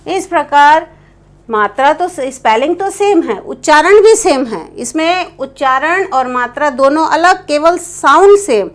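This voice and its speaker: A woman teaching a grammar lesson, explaining slowly and repeating herself, spelling words out letter by letter. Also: sits high, lively intonation.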